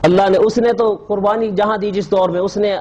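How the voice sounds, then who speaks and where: A man's voice: sits high, fairly even intonation, darkish tone, low-quality recording. Fervent male preacher, faint noise behind. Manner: emotional, drawn-out sighs and repeated exclamations. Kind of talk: Urdu sermon storytelling.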